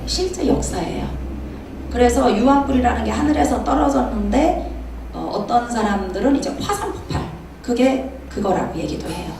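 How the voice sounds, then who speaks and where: A woman preacher giving a sermon in a church, telling a story with lively acted-out dialogue. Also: fairly high pitch, creaky, slight background noise. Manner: animated storytelling, acting out dialogue. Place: church sanctuary. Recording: echoey church hall from far off.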